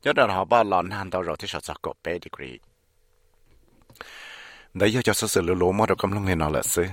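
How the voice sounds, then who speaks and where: Very deep-voiced male news narrator. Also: brisk.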